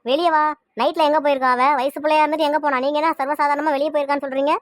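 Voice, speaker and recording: In an amateur family web drama, a woman plays an alarmed mother fretting over her missing daughter, firing off rapid, pleading questions. Her voice is high and narrow with little pitch movement, close to an everyday voice, delivered at a breathless clip. The recording is dry with no room sound.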